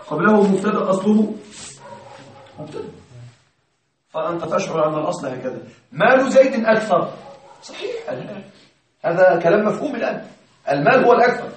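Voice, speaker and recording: High-voiced male grammar teacher, echoey room. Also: a little hiss or hum. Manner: asks students questions, repeats examples slowly. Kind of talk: classroom grammar lesson. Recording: echoey classroom from far off.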